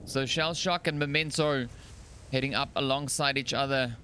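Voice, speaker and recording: A man's voice: mid-range voice, fairly even intonation, moderate pace, sharp tone, slight background noise. A man casting a mobile battle royale tournament alone on a live stream, chatty and rambling, with lots of fillers and laughs at his own slips. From Africa. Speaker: esports caster. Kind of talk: solo live stream commentary.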